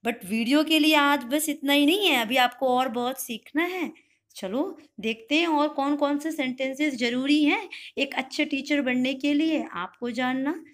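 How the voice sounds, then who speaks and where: A woman teacher giving a spoken English lesson to children, repeating each classroom phrase slowly and checking whether it is clear. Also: high-pitched. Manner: slow, drilled repetition of English phrases with frequent "clear?" checks.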